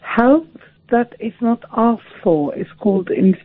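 A woman's voice: a little high, expressive, a little slow, slightly rough. A tipsy woman calling in over the phone on speakerphone, slurring and arguing with the host. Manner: slurring, argumentative. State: tipsy after a few drinks. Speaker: caller. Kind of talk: call-in radio chat. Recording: tinny dry phone line.

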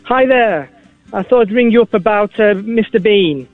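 A man calling a radio show over the phone, telling a story in a halting way, with many pauses and fillers. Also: high-pitched, no room sound, faint music behind. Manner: halting, full of "uh" and "um". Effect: heard over the phone. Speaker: caller. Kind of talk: casual phone-in chat. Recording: dry, tinny phone line.

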